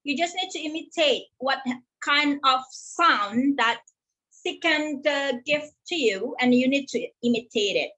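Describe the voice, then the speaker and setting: A woman English teacher with an Indonesian accent, introducing a lesson in a halting way with many fillers. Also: high voice, pushed and bright, low-quality recording.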